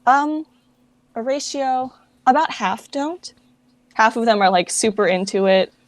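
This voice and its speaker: A woman with a slightly high, lively voice talks a bit slowly, with no echo in the recording. She's an interview guest who founded a fan dub project, chatting casually in an informal, hesitant way packed with fillers, especially "like."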